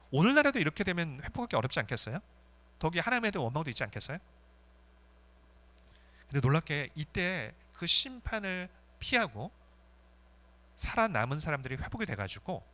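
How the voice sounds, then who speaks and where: A male pastor preaching a sermon in an earnest way, with swings between fervent rises and soft, intense drops. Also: on the high side.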